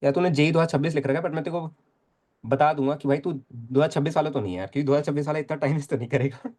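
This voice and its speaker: A man's voice: a little high, rapid-fire, a little mellow. A young man teaching physics in a casual live lecture, coaxing students and repeating phrases.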